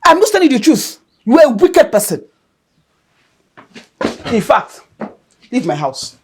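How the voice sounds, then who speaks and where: A woman's voice: a little high, big pitch swings, unhurried, a little hiss or hum. An actress playing an indignant, scolding mother in a film drama, with a Nigerian accent and an emphatic, repetitive way of accusing. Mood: angry, accusing. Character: indignant, scolding mother fed up with a selfish man.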